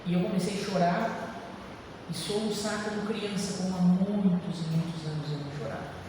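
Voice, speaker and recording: A woman's voice: lowish voice, fairly even intonation, moderate pace, background noise. A woman giving a heartfelt personal testimony at a church service, often addressing the congregation directly. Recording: echoey church hall from far off.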